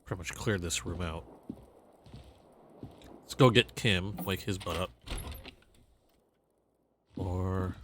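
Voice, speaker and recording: A man's voice: low-pitched, takes it slowly, long pauses, a little hiss or hum. A man streaming a video game, chatty and joking as he plays. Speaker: let's play streamer. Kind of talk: casual gameplay commentary.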